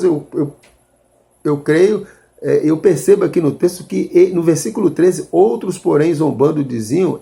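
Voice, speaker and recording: A man preaching a sermon. His voice sits a little high for a man, but it has a gravelly fry and a dark, mellow tone. He explains scripture earnestly and often restarts as he reasons aloud. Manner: earnest, addresses listeners as brothers, restarts while reasoning aloud.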